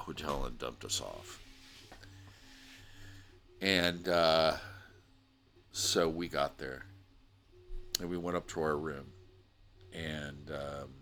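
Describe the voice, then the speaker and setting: A middle-aged American man telling a rambling personal story on a podcast, animated and full of restarts. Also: very deep voice, slight background noise. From United States. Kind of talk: casual storytelling monologue.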